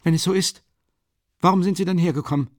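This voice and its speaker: An actor voicing a tense, irritable young man who is cornered and pushes back with rapid, agitated questions. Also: on the high side, a little mellow, no room sound, studio quality, voice pushed up, natural voice. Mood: irritated, agitated.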